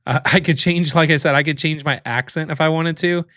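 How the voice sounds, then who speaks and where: A man's voice: a little high, steady tone, fairly quick, fairly bright tone, dry recording, studio quality. A man hosting a casual livestream, thinking aloud as he clicks through a tool, with loose fillers and restarts. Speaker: livestream host demoing software.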